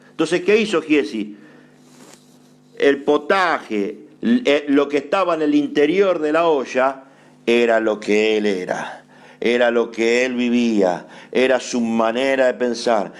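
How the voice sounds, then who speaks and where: Argentine preacher firing rhetorical questions. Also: male voice, medium pitch. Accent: Argentine Spanish. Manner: rhetorical questions answered himself, repeats phrases for emphasis. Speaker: apostle preaching. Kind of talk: sermon.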